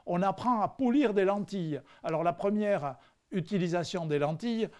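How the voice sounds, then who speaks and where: A man from France lectures on science to a general audience, his voice sitting a touch high. He talks in a loose, halting way, stopping often on fillers, and slips in dry jokes for the hall. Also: a little mellow. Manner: conversational, hesitant with frequent fillers; dry humorous asides to the audience. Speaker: physicist giving a public lecture.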